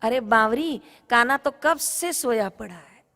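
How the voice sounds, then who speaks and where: A woman voicing a gentle, patient village mother who speaks softly and calmly, in an echoey hall. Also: fairly high pitch, measured pace, exaggerated voice. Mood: teasing.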